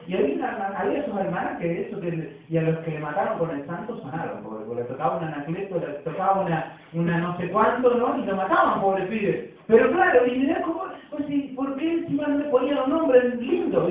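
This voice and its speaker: A man with an Argentine accent preaching a sermon as a pastor, talking conversationally with frequent tag questions, recorded in a church. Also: high voice. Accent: Argentine Spanish. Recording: echoey, distant, phone-like church recording.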